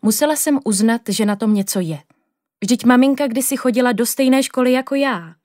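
A woman's voice: a little high, a little mellow, no room sound, studio quality. Woman reading a children's story. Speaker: audiobook reader. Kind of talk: children's storybook narration in a little girl's first person.

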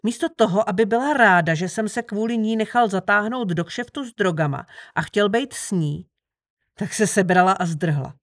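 A woman narrating an audiobook in the first person with a steady reading manner. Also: medium pitch, no echo, clean studio sound.

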